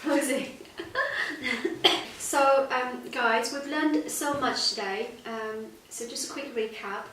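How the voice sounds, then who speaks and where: A woman hosting a casual lesson chat, laughing often and filling pauses with ums. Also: sits high, a bit bright. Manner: giggly, many fillers. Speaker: host. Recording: roomy echo, distant mic, faint hiss.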